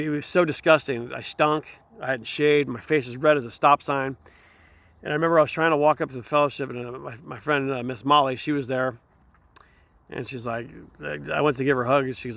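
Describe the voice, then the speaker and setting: Gravelly man telling a raw story. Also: mid-range voice, fairly bright tone, no room sound. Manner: rambling, halting, repeats words. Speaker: show host. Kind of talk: candid personal storytelling.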